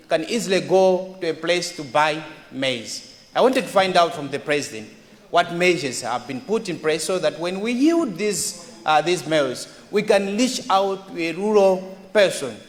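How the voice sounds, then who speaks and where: A Malawian man with a slightly high voice addresses a parliament in a reverberant hall. His questioning is formal, deferential and deliberate. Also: lively intonation. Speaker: member of parliament. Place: large indoor parliamentary chamber. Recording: echoing chamber hall.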